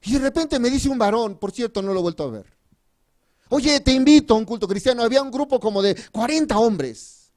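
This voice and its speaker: A high-voiced man from Mexico preaching at a church retreat. He speaks fervently, stressing some phrases loudly and dropping others to a hush as he tells his own story. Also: lively intonation, fairly quick. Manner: fervent, shifts between loud emphasis and quiet confiding asides. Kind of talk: sermon with personal testimony.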